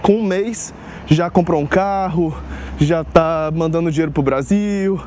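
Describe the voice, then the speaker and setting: A young vlogger from Salvador in Northeast Brazil, who covers life abroad, speaks unhurriedly in a fairly high, warm voice. He explains things casually and directly to his audience, tossing in rhetorical asides, while street noise plays in the background.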